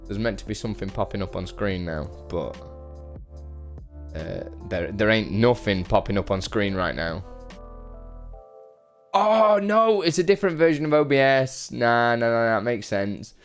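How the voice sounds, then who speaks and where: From his brother's home, a man with a lowish, animated voice chats casually on a live stream at a measured pace, with faint music behind him. He rambles and pokes fun at himself while greeting viewers by name and answering their questions.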